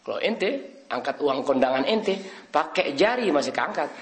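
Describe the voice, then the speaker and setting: Animated man preaching. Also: on the high side, moderate pace, a little hiss or hum. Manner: animated, switches into voices of people in his story; laughs often, mixes Arabic-derived words. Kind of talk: storytelling sermon.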